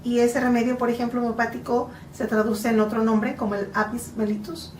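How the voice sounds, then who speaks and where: A woman's voice: a little high, level tone, darkish tone. A woman in her forties from Mexico, a psychotherapist guest giving earnest, explanatory interview answers. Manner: earnest, explanatory, slow in places. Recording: echoey room, distant from mic, faint noise.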